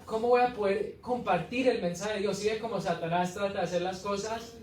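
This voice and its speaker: A man, an evangelist, giving an animated testimony sermon full of storytelling and laughs in a church hall. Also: high voice, slight background noise. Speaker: evangelist preacher. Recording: echoey hall from far off.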